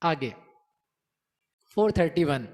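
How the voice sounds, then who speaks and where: Slow, playful teacher. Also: male voice, a little high, expressive. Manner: playful, coaxes class to repeat terms aloud; slow, deliberate explanation with rhetorical questions. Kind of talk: scripture lesson.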